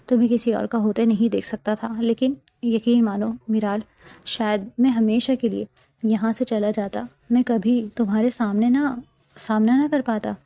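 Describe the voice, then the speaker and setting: A woman's voice: a little high, dark tone, dry recording, natural voice. A woman voicing a possessive, teasing young Pathan husband in a storybook romance, with an intense, playful manner.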